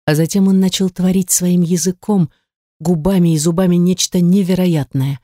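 A woman narrating a first-person erotic audiobook in an even, intimate storytelling voice on a close mic. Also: lowish voice, moderate pace, dry recording. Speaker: audiobook reader.

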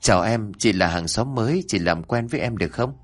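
A friendly young neighbor greets someone cheerfully, read by a male narrator. The voice stays low, with a lively pitch. It is a plain storybook reading. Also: brisk.

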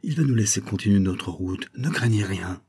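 A scheming young viscount murmurs urgent reassurance in a hushed, dark voice. The tone is husky and low-key, sly beneath the calm. A man voices him as he reads an audiobook. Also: moderate pace.

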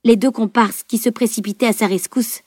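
A woman narrating a fantasy novel as an audiobook in a steady, clear reading voice. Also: a little high, brisk, dry recording, clean studio sound. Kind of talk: scripted narration.

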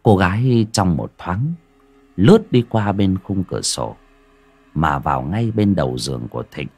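A man giving dramatic, expressive scripted horror story narration, dropping low and hushed at eerie moments. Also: a little slow, slightly rough.

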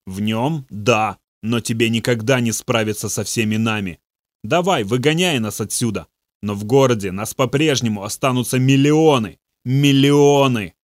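A man voicing a boastful male demon speaking through a possessed youth, in a slow, low, gloating way. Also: no echo, studio quality, close to an everyday voice.

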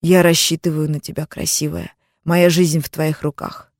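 A woman voicing a tense young man on the run, speaking low, slow and insistent. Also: level tone, a little mellow, no room sound, clean studio sound. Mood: pleading.

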